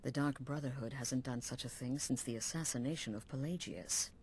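An actress voices a hard-edged woman who leads an assassin guild in a video game, blunt, commanding and stern with a wry edge. Her voice is very deep and a little mellow, and she speaks a little fast over slight background noise.

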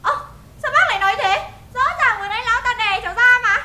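A woman's voice: quick pace, sharp tone, exaggerated voice. An actress playing a frightened young woman who pleads for help. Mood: indignant. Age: young adult. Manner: shrill, pleading. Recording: echoey room, music behind.

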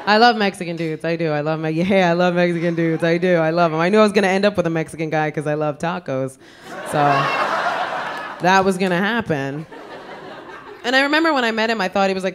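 A young woman from the Bronx doing a sassy, self-mocking stand-up set with quick asides. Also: on the low side. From Bronx, New York. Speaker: stand-up comedian. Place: comedy club stage before a laughing crowd. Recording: lively crowd laughter and noise. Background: audience laughing and cheering.

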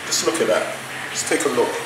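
A man's voice: brisk, echoey room, noisy background. A man, reviewing a restaurant in an enthusiastic, chatty vlog and giving scores out of five. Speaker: food vlogger. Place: restaurant and home room.

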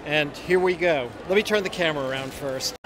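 A man's voice: fairly high pitch, brisk. A man in his fifties hosting a casual live walkaround in a big exhibition hall, talking upbeat and chatty into a phone camera held at arm's length. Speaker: livestream host. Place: large busy indoor exhibition hall. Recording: loud crowd noise around.

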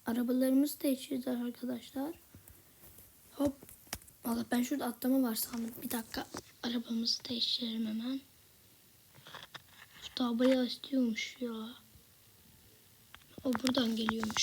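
A woman giving casual gameplay commentary in a soft, half-whispered voice, a little sick with a slightly rough voice. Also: fairly high pitch, little pitch movement, normal speed, long pauses, slight background noise. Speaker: gaming channel host.

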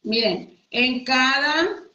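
A woman's voice: sits high, very slow, sharp tone. Chatty woman teaching crafts, echoey room. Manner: chatty, addresses viewers as friends. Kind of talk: casual live craft class. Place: home room. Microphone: computer mic. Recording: echoey room, dull audio.

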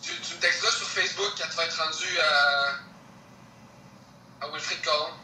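A man's voice: on the high side, fairly even intonation, a little fast, bright, forceful tone, far from the mic, soft background music. A young man with a Quebec French accent chatting casually with a friend over a tinny speakerphone. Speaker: friend on a phone call. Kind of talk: casual chat. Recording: tinny speakerphone, echoey room, faint noise.

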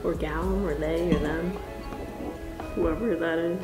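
A woman's voice: lowish voice, steady tone, slow pace, roomy sound, over loud music. A woman in her twenties chatting casually and rambling in asides to the viewer, chewing and eating while she talks. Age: 20s. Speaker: vlogger. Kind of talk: casual chat over a meal. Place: small room at a dining table, indoors.

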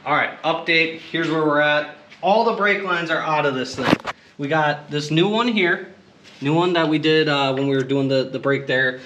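A man's voice: on the high side, moderate pace, dull audio. A young man casually explaining brake line work while joking with his friend in a home garage. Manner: relaxed, joking, talks while working on the car. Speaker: co-host of a car repair channel. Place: home garage with open door. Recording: noisy garage with tool clatter.

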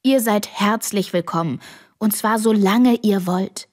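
Audiobook: woman voicing a farmer dad, firm, warm, hushed, at times whispered. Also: medium pitch, unhurried, lightly acted. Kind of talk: audiobook reading.

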